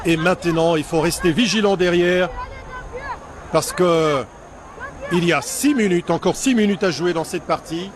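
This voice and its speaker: A man's voice: sits high, normal speed, background noise. A man giving live football commentary in broken phrases, often hesitating as he searches for words.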